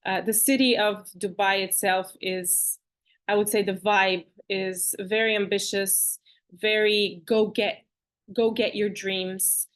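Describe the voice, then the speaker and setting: A woman from Bulgaria, a guest in an interview, talking in an animated, chatty way with fillers and restarts over a video call. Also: medium pitch, slow. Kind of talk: conversational interview.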